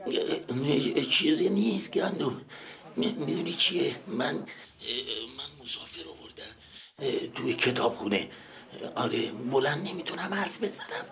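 An actor playing a flustered middle-aged taxi driver who whispers into the phone, hushed and evasive. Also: male voice, mid-range voice, animated, vocal fry, crowd noise.

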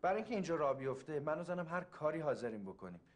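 An actor playing an earnest, eager husband offering help, in a TV drama. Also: male voice, on the high side, sing-song. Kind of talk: TV drama acting.

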